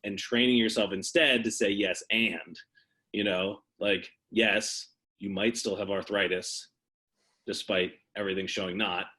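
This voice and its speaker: On a coaches' conference call, a man explains his points in a casual discussion. His voice is on the low side, steady, a little slow, bright and forceful.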